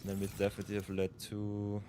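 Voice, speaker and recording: A man's voice: fairly low pitch, monotone, a little fast, background noise. A man from Austria chatting casually while streaming a game, thinking aloud as he plays. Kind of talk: live gameplay commentary.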